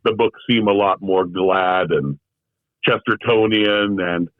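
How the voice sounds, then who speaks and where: A low-voiced man, a translator appearing as a guest, speaks slowly on a tinny, phone-like remote call with no echo. In this casual conversational interview he sounds thoughtful and rambling, with frequent fillers and restarts.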